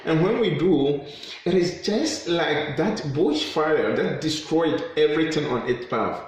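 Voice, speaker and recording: A Ghanaian-accented man campaigning against corruption makes a fervent appeal to camera, repeating phrases for emphasis. His voice is on the high side and unhurried, recorded in a very echoey room.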